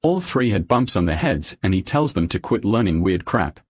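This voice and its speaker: Husky, wry male recap narrator. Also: deep voice, sing-song, normal speed, no echo. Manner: slangy, wry storytelling. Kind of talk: casual story recap narration.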